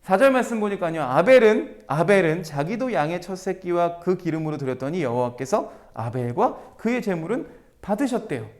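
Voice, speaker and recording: A man teaching a Bible passage to viewers, animated and firing rhetorical questions at them. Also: high voice, moderate pace, few pauses. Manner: addresses listeners directly as everyone. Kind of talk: Bible teaching to a video audience.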